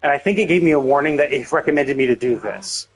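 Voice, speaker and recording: A man streaming a game live talks fast in a mid-range voice with lively intonation and a breathy edge. His casual commentary circles back on itself as he explains his views with mild exasperation, over a rough recording.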